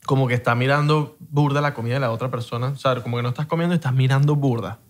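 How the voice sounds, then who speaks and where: Venezuelan man, podcast co-host, playful slangy banter, average pitch. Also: steady tone, racing. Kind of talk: casual chat.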